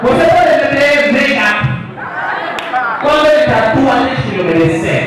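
Guy doing standup, really high voice, dramatic drawn-out lines, crowd noise around him. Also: big pitch swings. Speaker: stand-up comedian. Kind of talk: stand-up comedy on stage. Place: open-air stage at night. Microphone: handheld stage microphone. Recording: echoey PA, distant, music and crowd behind.

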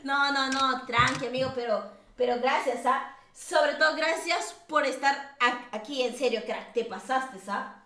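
A woman's voice: high voice, a little slow, pushed and bright, roomy sound. A woman hosting a casual game live stream, chatty and teasing, laughing often.

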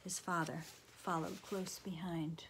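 Lady reading a kids book out loud, expressive, goes whispery a lot. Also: on the low side, measured pace, slight background noise. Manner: expressive, dipping into hushed whispers. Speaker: storybook reader. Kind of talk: reading a children's book aloud.

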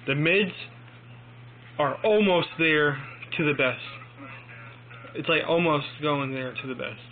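Young man, slightly high voice, informal halting reviewer, homemade phone video, thin phone-like sound. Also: soft background music. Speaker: amateur headphone reviewer. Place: small domestic room, indoors. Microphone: handheld phone mic. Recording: tinny phone recording with clear noise.

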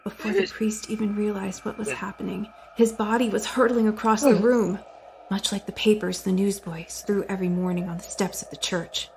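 A woman narrating a dramatic horror story from a script, often dropping into hushed whispers. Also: mid-range voice, steady tone, moderate pace, gravelly, slight background noise.

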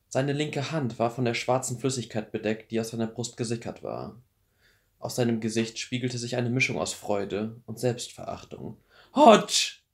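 A man in his twenties calmly reading a novel aloud as a bedtime audiobook. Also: medium pitch. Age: 20s. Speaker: audiobook reader.

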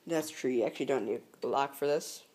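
A man's voice: mid-range voice, fairly quick, darkish tone. A man vlogging late at night from his bedroom, talking casually into his camera mic in a sleepy, meandering way full of fillers and self-corrections. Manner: drowsy, easygoing talk. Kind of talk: rambling late-night vlog chat. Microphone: computer or camera mic.

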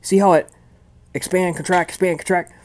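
A man's voice: high-pitched, steady tone, normal speed, pitched above the performer's own voice, natural voice. A man doing a breezy, callous female vampire anatomist. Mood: coaxing. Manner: breezy, matter-of-fact, mockingly gentle.

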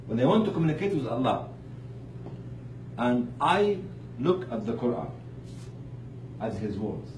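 The recording is distant and noisy, with heavy room echo, as a man's highly lively voice rallies charity workers in an informal faith talk. He leans on emphasis, lets pauses hang, and throws rhetorical questions at the live audience.

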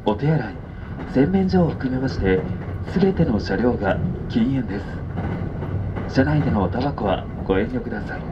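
A man with a Japanese accent making formal train conductor announcements in clipped, formulaic phrases. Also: medium pitch. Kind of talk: formal public-address announcement. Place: inside a moving express train, over the speakers. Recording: dull train PA, loud carriage noise. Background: loud train running noise.

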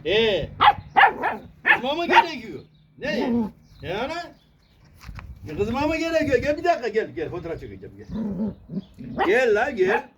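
A man's voice: very high-pitched, very animated, normal speed, pauses often. A man, a farmer playfully scolding and coaxing his puppy outdoors on a farm. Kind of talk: casual vlog, talking to a dog. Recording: loud background noise, dog barking.

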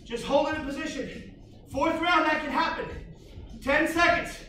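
A man's voice: extremely high pitch, steady tone, normal speed, bright, forceful tone, a little hiss or hum. A middle-aged man coaching a workout while exerting himself, barking commands and encouragement like a gym coach. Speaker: fitness coach hosting a workout video. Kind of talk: live workout instruction. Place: indoor gym studio. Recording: echoey gym, distant mic, music behind.

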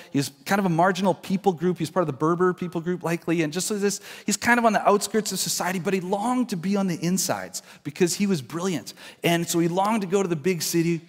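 A man delivers a sermon in an earnest, conversational way, restarting phrases as he goes. His voice sits a bit high for a man. It rings out in a church hall with a long reverb tail. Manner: earnest, conversational preaching with restarts and acted quotes. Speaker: pastor. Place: church sanctuary.

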